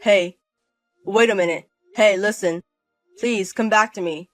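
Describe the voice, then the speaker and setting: A man's voice: high-pitched, a little slow, no room sound, faint music behind, poor audio. A man voicing a self-centered husband in a drama, sounding flustered and pleading.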